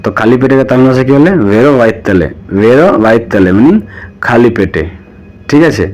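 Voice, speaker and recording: A man with a Bengali accent, at an average pitch, teaches a spoken vocabulary lesson. He says each word over and over and poses questions that he then answers himself. The sound comes across like a radio broadcast. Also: fairly quick, a little mellow. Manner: repeats each word, asks and answers his own questions. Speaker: language teacher.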